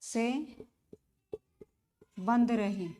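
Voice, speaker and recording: A woman's voice: a little high, very slow, mellow, slight background noise. A woman teaching a grammar lesson, repeating key terms and asking rhetorical questions as she explains. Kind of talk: classroom-style lesson.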